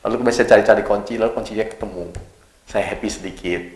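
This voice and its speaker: A man's voice: lowish voice, steady tone, racing, echoey room. A male pastor giving a casual, colloquial sermon, acting out people's cries and voices as he tells the story. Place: church hall.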